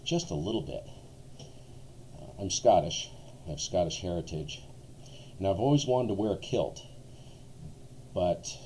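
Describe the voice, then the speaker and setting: American guy, low relaxed voice, rambling jokey chat on his radio stream, bit of hiss. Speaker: ham radio live stream host. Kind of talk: casual storytelling to viewers.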